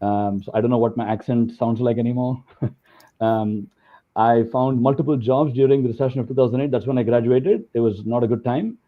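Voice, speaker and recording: A man's voice: mid-range voice, fairly quick. A man from India giving a conversational webinar talk over slides, with many fillers. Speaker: guest speaker. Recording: tinny phone-like call audio.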